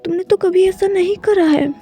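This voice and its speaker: A woman's voice: very high voice, normal speed, dark tone, soft background music, pitched above the performer's own voice. A woman voicing a protective older brother who coaxes and soothes an upset young man. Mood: soothing. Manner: soothing, coaxing.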